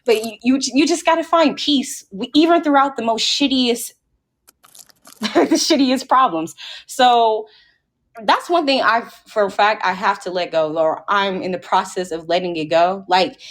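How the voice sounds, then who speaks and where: A woman's voice: on the high side, unhurried. A woman co-hosting a podcast, talking candidly in a loose, rambling way with restarts and cursing. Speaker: podcast co-host. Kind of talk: casual chat.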